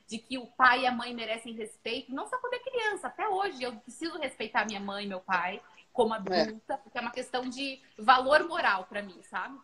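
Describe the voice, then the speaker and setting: A woman's voice: a little high, poor audio. A woman in her thirties, a mother, chatting earnestly about parenting and telling stories from home. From Brazil. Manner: earnest, animated storytelling. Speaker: mother and co-host. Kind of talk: casual parenting chat.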